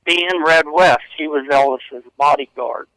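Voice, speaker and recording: A man's voice: a little high, unhurried, bright, forceful tone, dry recording, rough recording. Earnest rambling man in his fifties. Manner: earnest, rambling storyteller who chuckles often. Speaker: interview guest, pianist. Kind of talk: storytelling in a radio interview. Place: hotel room.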